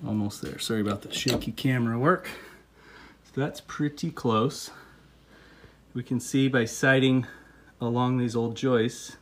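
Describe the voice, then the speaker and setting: This renovation teacher, a man in his thirties, talks through the job step by step in a relaxed, casual way with fillers, holding a phone camera as he works. His voice is mid-range and a little slow, with some hiss or hum; he starts in a car, then goes inside a house under renovation.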